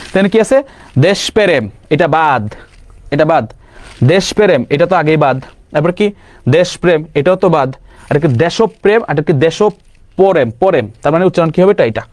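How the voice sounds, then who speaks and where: A young man teaching grammar for an exam-prep class, firing quick questions and answering them himself, casually mixing in English words. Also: on the high side, a little mellow, no room sound. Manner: quizzing with rapid questions and self-answers. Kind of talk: online exam-prep lesson.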